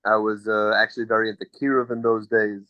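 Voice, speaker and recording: A man's voice: lowish voice, little pitch movement, fast, sharp tone, clean tone, no echo, poor audio. A man from the United States, a singer answering interview questions in a chatty, storytelling way with frequent restarts.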